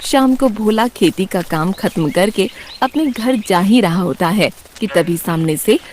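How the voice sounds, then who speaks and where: A woman narrating a children's cartoon story in an even, plain storytelling manner. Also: medium pitch, measured pace.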